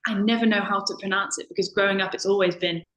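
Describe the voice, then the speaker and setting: A woman's voice: mid-range voice, steady tone, quick pace, fairly bright tone. A woman chatting casually as a guest, full of ums, acting out her own past remarks. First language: English. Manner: chatty, lots of ums and self-quoting. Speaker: guest speaker. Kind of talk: casual conversation. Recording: roomy echo.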